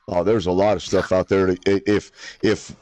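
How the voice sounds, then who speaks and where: A man chatting casually with gaming friends, animated, swearing freely and laughing often. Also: low voice, moderate pace, no echo.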